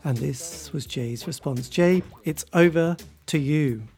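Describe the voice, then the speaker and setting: Faint music plays behind a man in his 50s whose voice is fairly high, slow, and a little mellow. He's a radio show host conducting a casual interview, chatty and rambling with lots of "sort of."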